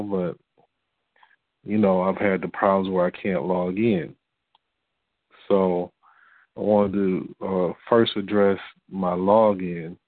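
Slow-talking man over a tinny phone line. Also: sits low, no room sound. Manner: hesitant, full of fillers and restarts. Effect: heard over a phone line.

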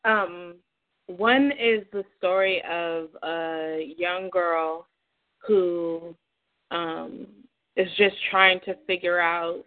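A caller who writes poetry and other creative work chats casually by phone, sounding tinny through the line. Her voice is on the low side and steady, and she speaks very slowly, hesitant and full of fillers.

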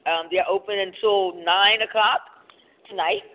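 A woman's voice: mid-range voice, steady tone, a little slow. Woman radio host on a phone-like line. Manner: eating while talking. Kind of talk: casual live radio chat. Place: restaurant, live remote broadcast. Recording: narrow, phone-like remote broadcast line.

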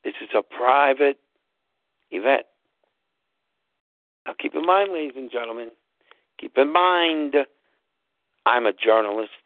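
Loud and animated, this medium-pitched man speaks at a measured pace with frequent pauses. He's a talk-show host delivering a casual storytelling monologue, stressing points by spelling out words and saying things twice, over a dry, tinny, phone-like line.

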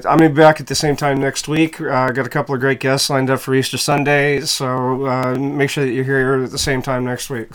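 A man's voice: medium pitch, a bit bright, smooth. A man hosting a podcast, casually and friendly, wrapping up the interview and thanking his guests. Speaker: podcast host.

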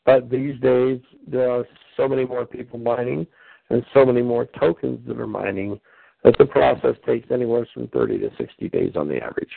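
Gravelly man hosting over a phone line. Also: medium pitch, lively intonation, fairly quick. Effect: heard over a phone line. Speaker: host of a conference call. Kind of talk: answering questions on a call. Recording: tinny phone line, dry.

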